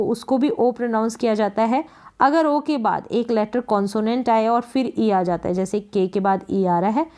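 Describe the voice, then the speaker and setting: A woman's voice: on the high side, a little mellow. Patient woman teaching English letter sounds. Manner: patient and repetitive, restating each rule. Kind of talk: explaining phonics rules, reading letter pairs and example words aloud.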